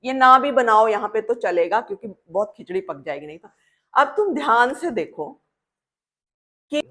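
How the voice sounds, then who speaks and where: A woman teaching a biology lesson while drawing. She keeps quizzing her students and answers her own questions, and she slows right down to drill key terms. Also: on the high side, lively intonation, pushed and bright. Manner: drills terms slowly and repeats them.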